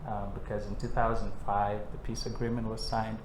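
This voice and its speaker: A young man from South Sudan with a lowish voice, speaking as a podcast guest. He talks in a measured, unhurried way, pausing often. The recording is roomy and echoey, with a faint hiss behind him. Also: little pitch movement. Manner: measured, unhurried, with frequent pauses. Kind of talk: casual interview conversation. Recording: echoey room.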